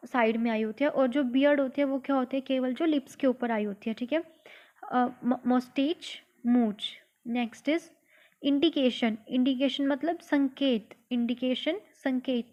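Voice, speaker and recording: A woman teaching English vocabulary in an online lesson, patiently repeating each word with its meaning, spelling words out slowly letter by letter and giving everyday examples. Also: high voice.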